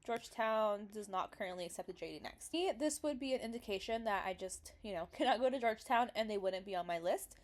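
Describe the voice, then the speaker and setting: A woman's voice: mid-range voice, quick pace, few pauses. A young woman getting over a cold, sniffly as she talks through a casual screen tutorial in a chatty, hesitant way full of fillers. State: recovering from illness, sniffly. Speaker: vlogger explaining law school admissions.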